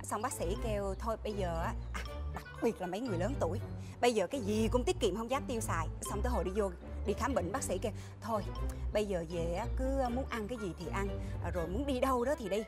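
A woman's voice: mid-range voice, fast talker, over music. A woman acting a wife in a comedy sketch, chatty and exclamatory. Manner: chatty, exclamatory, keeps saying "trời ơi".

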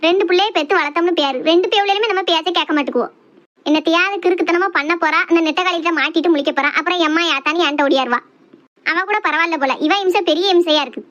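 A bossy older mother-in-law, put on by a woman, grumbling and scolding in thick Kanyakumari Tamil. She talks fast, and her voice sits a little lower than the playful skit voices around her. She is a scheming comedy-skit character. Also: a bit bright, dull audio.

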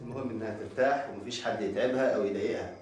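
An actor playing a calm, matter-of-fact doctor, in an Egyptian accent. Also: male voice, fairly low pitch, rapid-fire, natural voice. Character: calm family doctor giving advice. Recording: echoey, distant, music behind.

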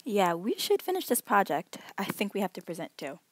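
A woman's voice: medium pitch, very animated, a little fast, no room sound. A woman voicing a cautious, reluctant, plain-spoken teenage girl in a cartoon. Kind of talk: acted cartoon dialogue.

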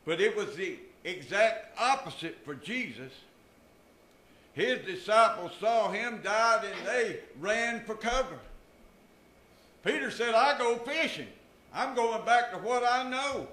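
A man's voice: high-pitched, animated, slow pace, bright, forceful tone. An older man preaching a sermon from a church pulpit, with emphatic rises and drops in his voice. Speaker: pastor. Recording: echoey church room.

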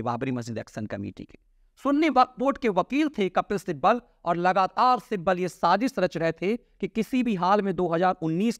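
A middle-aged male host delivers forceful political commentary from a studio desk, his fairly high voice rising and falling with emphasis. The lapel-mic sound is close and dry, with no room around it. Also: no room sound. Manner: emphatic, swinging pitch with sharp drops at phrase ends. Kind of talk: opinionated news commentary to camera. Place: indoor studio with virtual set. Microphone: lapel mic, seated at desk.

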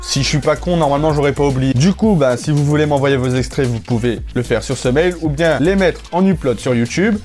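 A man's voice: fairly high pitch, fairly quick, hardly any pauses, a little mellow, faint music behind. A man hosting a gaming live stream with casual, slangy, joking commentary and some swearing. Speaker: streamer and host.

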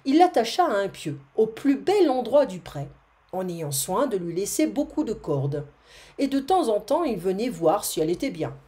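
Woman reading a tale, mellow tone. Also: mid-range voice, normal speed. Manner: expressive reading with occasional slips and self-corrections. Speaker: narrator. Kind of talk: reading a classic tale aloud.

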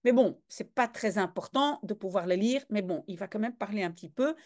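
A woman's voice: mid-range voice, brisk, darkish tone. A woman giving a casual reading lesson, translating a comic aloud in a chatty, explaining way with frequent hesitations. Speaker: reader and language teacher.

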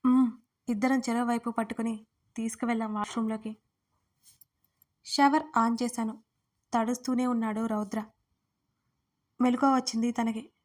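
A woman's voice: a little high, steady tone, normal speed, pauses often. A woman narrating a romance audiobook in the first person, telling it in a heartfelt, tearful way. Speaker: storyteller and writer.

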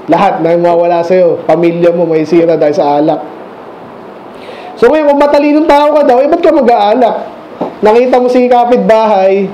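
A man's voice: sits high, warm tone, slight background noise. A man preaching an informal Sunday evening sermon as pastor, talking conversationally and quizzing the children in his congregation. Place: small church mission hall. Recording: echoey, dull lo-fi room recording.

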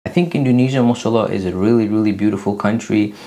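Vlogger, male, thirties, low-pitched, earnest and halting, seated at a desk camera. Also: mellow. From Afghanistan. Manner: earnest, many "uh" pauses. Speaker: YouTube channel host. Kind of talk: casual Q&A to camera. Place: small room indoors. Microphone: camera at desk distance, seated.

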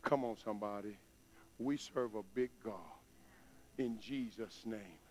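A middle-aged man preaching in a church, chatty and plain, then building to loud, emphatic outbursts. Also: fairly low pitch, a little slow. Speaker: pastor. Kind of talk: sermon. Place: church sanctuary stage.

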